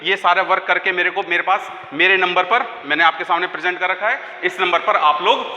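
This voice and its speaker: Bright-voiced teacher in an echoey room. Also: male voice, high-pitched, fairly even intonation, lo-fi sound. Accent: Hindi. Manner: explains slowly, repeating phrases aloud to students. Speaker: school teacher. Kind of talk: classroom grammar lesson. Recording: echoey room, long reverb.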